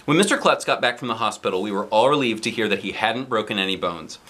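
A man in his forties, seated indoors on a couch, reads a children's story aloud at a quick pace, playful and expressive with swooping pitch and an exaggerated delivery. He adds asides to his young viewers as he goes.

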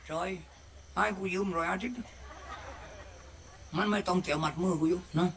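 A man's voice: high-pitched, moderate pace. A man with a Southern Thai accent voicing a brash, crude clown puppet who bickers and begs for money. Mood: bickering. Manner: crude bantering, begging and bickering.

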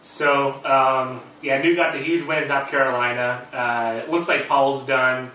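A man co-hosting a casual political talk show, calm and a bit hesitant. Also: medium pitch, measured pace. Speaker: co-host. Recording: echoey room, distant mic, faint noise.

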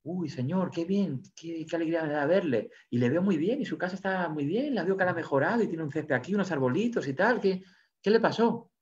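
An earnest young disciple exclaiming in a high, excited voice, as a man acts him out. The audio is dull and muffled. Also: brisk, close to an everyday voice. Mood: amazed.

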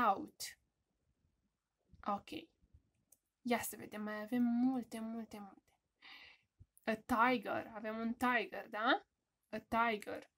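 A woman with a Romanian accent teaching English words to young children in a home-school lesson, repeating each word slowly and clearly. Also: on the high side, fairly bright tone. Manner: slow, emphatic word drills with repetition.

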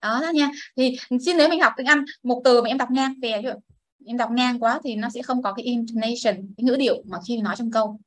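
A woman's voice: fairly high pitch, quick pace, dry recording. A woman teaching a classroom pronunciation lesson, patiently explaining and modelling words for students to repeat. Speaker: English teacher.

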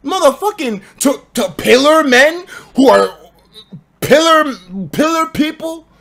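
An American man in his twenties chatting and reacting casually on a livestream, expressive, slangy and profane. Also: very high voice, a little slow, gravelly. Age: 20s. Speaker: livestreamer reacting to videos and reading chat. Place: indoor streaming room.

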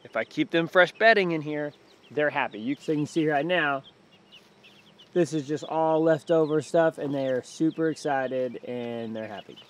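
A man in his thirties with a Texan accent, chatting excitably as he films himself at arm's length outdoors on a rural homestead. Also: on the high side, normal speed. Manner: chatty, excitable, talks to the animals. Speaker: homesteader showing his animals. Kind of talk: casual walk-and-talk vlog. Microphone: handheld camera held at arm's length.

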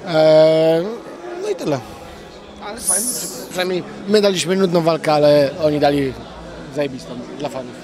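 Halting young man after a fight. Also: fairly high pitch, a crowd in the background. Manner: halting, many fillers and restarts, blunt slang. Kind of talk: post-fight interview. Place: outdoors at an event press wall. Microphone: handheld reporter mic.

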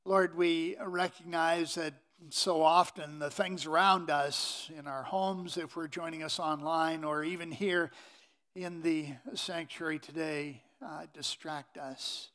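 Halting middle-aged man preaching, high voice. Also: steady tone, a bit bright. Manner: unhurried, halting with many fillers. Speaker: pastor. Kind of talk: sermon. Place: church sanctuary.

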